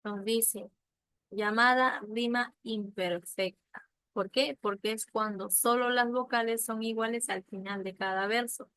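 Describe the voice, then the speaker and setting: A woman's voice: a little high, fairly even intonation, measured pace, fairly bright tone, no room sound, low-quality recording. A woman teaching a literature lesson, explaining patiently with examples and often checking in with a questioning "ya?".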